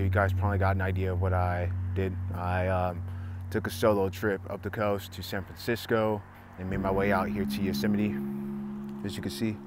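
A young man from Southern California, a photographer talking casually to camera about a spontaneous trip, relaxed and laid-back. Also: deep voice. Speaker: photographer and vlogger. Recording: noisy outdoor ambience.

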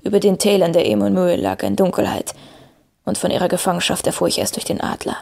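A woman's voice: lowish voice, big pitch swings, creaky, a little mellow, full character voice. Woman reading as a grave old wizard. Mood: calm, grave. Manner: slow, grave, measured speech. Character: old male wizard, calm and wise.

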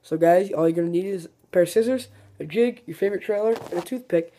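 Hosting a fishing video, a man with a high voice walks through a tackle trick step by step at a quick pace, often restarting his sentences. His explanations are relaxed and rambling, and he corrects himself as he goes. There's slight background noise.

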